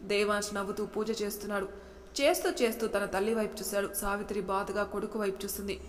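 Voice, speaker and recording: A woman's voice: mid-range voice, steady tone, fast, slight background noise. Woman storyteller with long reverb. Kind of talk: storybook narration.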